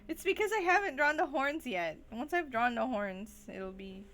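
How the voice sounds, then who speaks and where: A woman artist chatting casually on a stream while she draws, thinking aloud in a relaxed way. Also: high voice, moderate pace. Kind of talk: casual chat while drawing.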